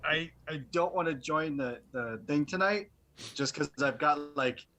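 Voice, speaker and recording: A man chatting as a podcast guest on a video call, talking in halting, stop-start phrases through an echoey, distant built-in laptop microphone. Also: a little high, sharp tone, a little hiss or hum. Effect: echoey, distant laptop microphone sound. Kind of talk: casual chat. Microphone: built-in laptop mic on a video call.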